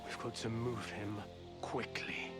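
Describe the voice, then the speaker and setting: An actor voicing an anxious guard in a video game, hushed and urgent. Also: male voice, fairly low pitch, little pitch movement, a little slow, close to an everyday voice. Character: anxious guard moving a wounded man. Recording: game audio under loud music.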